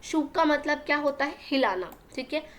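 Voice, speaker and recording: A young woman teaching an English lesson to young children. She reads the English lines slowly, explains them in Hindi, and repeats words with little check-ins. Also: high-pitched, lively intonation.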